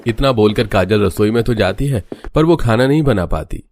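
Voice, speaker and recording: Male narrator for an animated family tale, steady and low. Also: normal speed. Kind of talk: scripted storybook narration.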